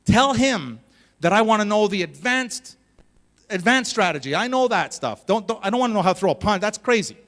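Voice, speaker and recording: A man's voice: sits high, lively intonation, fairly quick, a bit bright. A man voicing an eager, proud young male martial arts student who talks in an insistent, impatient way. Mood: frustrated. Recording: long reverb of a large hall.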